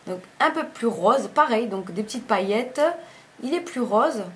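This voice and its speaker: A woman's voice: fairly high pitch, expressive, unhurried, a bit bright. A woman, chatting casually through a makeup review, rambling and often correcting herself mid-sentence. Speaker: beauty vlogger.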